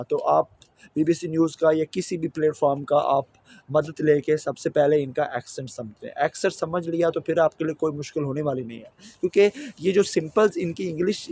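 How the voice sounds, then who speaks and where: A man talks straight to his viewers in a casual advice vlog, earnest and repeating his main points. His voice sits fairly high for a man and has a gravelly, husky edge. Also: a little mellow, rough recording. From Punjab, Pakistan. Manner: repetitive, earnest, addresses viewers as brothers and sisters. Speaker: YouTuber giving visa interview advice.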